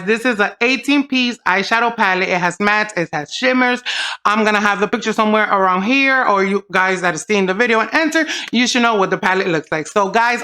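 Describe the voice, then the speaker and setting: A woman hosting a beauty channel, making a hyped giveaway announcement to camera in an excited, gushing way, talking to viewers like friends. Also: on the high side.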